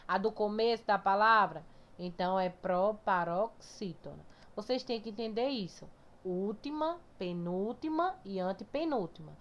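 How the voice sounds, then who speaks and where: Woman, teacher, step-by-step classroom explaining, drawn-out syllables, somewhat high voice, dull lo-fi sound. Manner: explains step by step, often checks with "tá?" and "certo?"; stretches out words slowly when sounding out syllables. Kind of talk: recorded remote class lesson. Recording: dull lo-fi recording.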